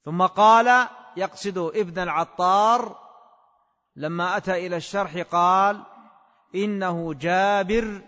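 High-voiced man teaching, echoing hall. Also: fairly bright tone. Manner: repeats phrases slowly as if for dictation; measured, scholarly explaining tone. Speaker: teacher of hadith commentary. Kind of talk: classroom lecture explaining a classical text.

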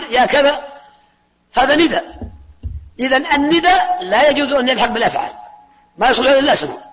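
High-voiced man teaching grammar, echoey hall. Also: a bit bright, highs cut off. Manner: questioning, repeats key terms, drills students with "ha?". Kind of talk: Arabic grammar lesson to students.

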